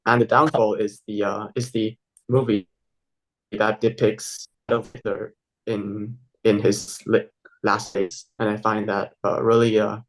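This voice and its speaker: A hesitant young adult man with a Taiwanese accent answers casual interview questions, full of fillers and restarts. His voice is fairly low, level, and measured, and the audio quality is poor.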